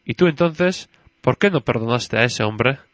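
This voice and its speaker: A man's voice: medium pitch, lively intonation, moderate pace, a bit bright, no echo, lightly acted. A man reading a story aloud and voicing a curious, chatty little girl who keeps questioning her father. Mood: innocent curious.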